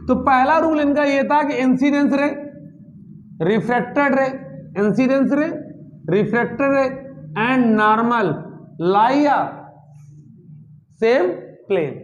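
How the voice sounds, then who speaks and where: A man lectures on physics in a very high voice. He keeps asking his students questions, answers them himself, and repeats each key term. His delivery is classroom teaching rather than casual chat. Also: a little hiss or hum. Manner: mixes English terms into Hindi, repeats key words.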